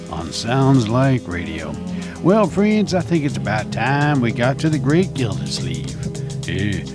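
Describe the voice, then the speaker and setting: A man hosting an old-time radio programme in a casual, folksy, chatty way. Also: medium pitch. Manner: folksy, chatty, addresses listeners as friends. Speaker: radio show host.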